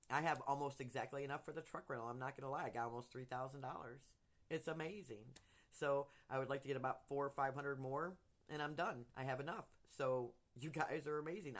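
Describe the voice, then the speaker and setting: A man's voice: mid-range voice, fairly bright tone. A middle-aged man with lispy, slushy speech from missing teeth, rambling candidly and openly in a casual personal vlog. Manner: candid, rambling, emotionally open. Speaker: content creator updating followers.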